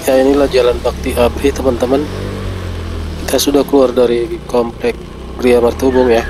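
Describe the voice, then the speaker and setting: With traffic noise outside, a chatty male vlogger travels flooded city streets, telling his "friends" about the trip at a moderate pace. His mid-range voice barely moves in pitch and sounds congested from a cold.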